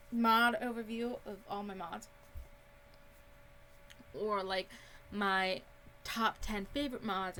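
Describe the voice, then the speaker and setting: Chatty young woman with a bright voice. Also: medium pitch, slight background noise. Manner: chatty, rambling with many ums. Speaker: Sims gaming YouTuber. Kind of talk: casual game build tour.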